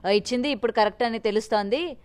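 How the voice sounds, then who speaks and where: A woman's voice: a little high, fast talker, a little mellow. A woman reporter asking pointed questions in a news interview and murmuring along while the guest speaks.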